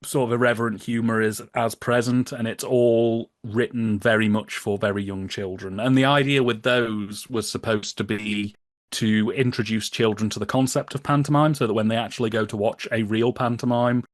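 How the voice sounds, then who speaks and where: In a casual podcast discussion, a man from the United Kingdom explains topics with wry humor and a chatty manner, frequently laughing mid-sentence. His mid-range voice is steady at a moderate pace, recorded at studio quality without echo.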